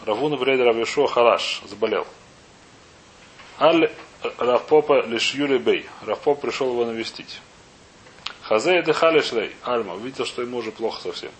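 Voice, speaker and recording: Male teacher for an informal text lesson, reads then explains, gropes for words, poses questions; slightly noisy, hissy recording. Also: medium pitch. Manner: halting, searching for words, questioning himself. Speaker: teacher of a Talmud class. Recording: clear background hiss and noise.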